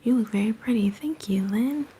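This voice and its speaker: A woman hosting a whispered ASMR livestream from home. She drifts between a soft whisper and a soft-spoken voice, gently greeting chat viewers into a phone set a little way off. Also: a little high, moderate pace, a little hiss or hum. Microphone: phone set some distance away.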